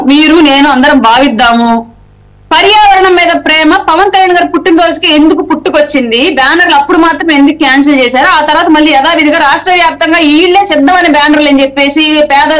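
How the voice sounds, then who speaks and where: A woman speaking for her party in a TV debate, loud and firing off rhetorical questions. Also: sits high, poor audio. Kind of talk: heated TV debate.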